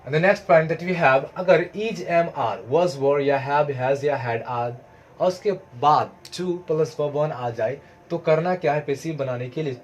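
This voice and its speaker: A man's voice: on the high side, a little mellow, lo-fi sound, slight background noise. Man teaching grammar, asking questions. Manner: asks questions then answers them himself. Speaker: English teacher. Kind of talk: explaining grammar to students.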